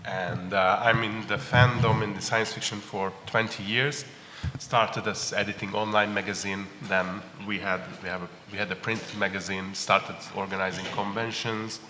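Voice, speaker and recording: A man's voice: fairly low pitch, fairly even intonation, moderate pace, hardly any pauses, bright, forceful tone, a little hiss or hum. A man introducing himself on a convention panel in plain, slightly broken English. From Hungary. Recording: echoey reverberant hall.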